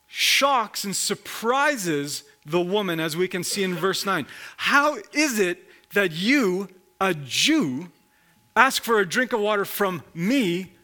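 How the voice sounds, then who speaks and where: A man preaching a sermon, slowly explaining a Bible passage and posing rhetorical questions. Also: sits high, bright, forceful tone. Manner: slow, reflective Bible teaching with rhetorical questions.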